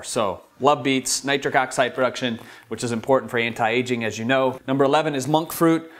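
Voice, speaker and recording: A man from Michigan hosting a health vlog, talking enthusiastically and casually about his favorite superfoods. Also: mid-range voice. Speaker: wellness channel host. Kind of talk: upbeat product-style health vlog.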